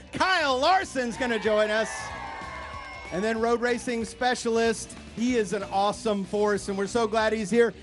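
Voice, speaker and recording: A man hosting a live fan show on an outdoor stage at a racetrack, excitable and often shouting out to the crowd. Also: very high voice.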